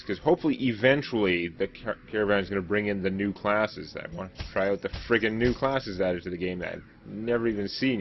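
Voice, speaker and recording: A man's voice: on the low side, muffled recording, a little hiss or hum. A man giving casual gameplay commentary as a let's play host, chatty and self-mocking as he thinks aloud. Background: game music.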